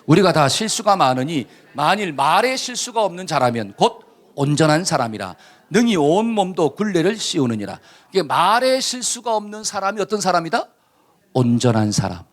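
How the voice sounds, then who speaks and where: Male pastor, emphatic sermon, rhetorical questions, high voice. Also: big pitch swings, moderate pace. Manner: leads congregation in call-and-response reading.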